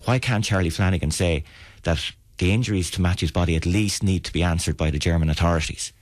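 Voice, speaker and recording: Irish male campaigner, deep dry voice, plain-spoken and insistent interviewee. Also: quick pace, no room sound. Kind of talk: radio interview.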